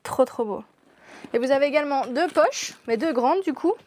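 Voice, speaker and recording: A woman's voice: sits high, normal speed, a little mellow. A young woman presenting products in a shop during a live stream, gushing and laughing often.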